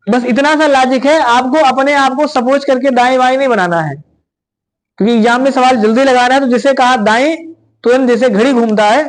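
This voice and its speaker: A man teaching a classroom of exam students, speaking loudly, repeating himself and checking "right?" after each point. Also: very high voice, poor audio. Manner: loud, repetitive, keeps asking "right?". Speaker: reasoning teacher. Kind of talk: classroom lecture.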